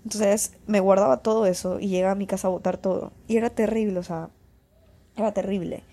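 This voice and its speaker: Hoarse, congested young woman podcaster. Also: mid-range voice, fairly even intonation, fairly quick, mellow. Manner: confiding, rambling, with frequent self-corrections. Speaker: podcast host. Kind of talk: casual personal podcast monologue.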